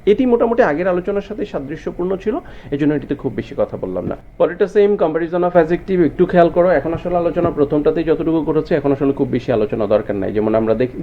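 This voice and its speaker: A man's voice: fairly high pitch, phone-quality sound, a little hiss or hum. A man teaching a grammar lesson to students, often asking them rhetorical questions. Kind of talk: explanatory lesson.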